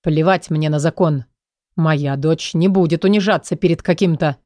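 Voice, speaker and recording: A gruff, hot-tempered father who guards his daughter fiercely, as a woman narrator puts him on. His voice is pitched low and dark, and it sits in a dry, close audiobook recording. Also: normal speed, dry recording, natural voice. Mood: furious. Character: stern protective middle-aged father, quick-tempered. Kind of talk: audiobook character voice.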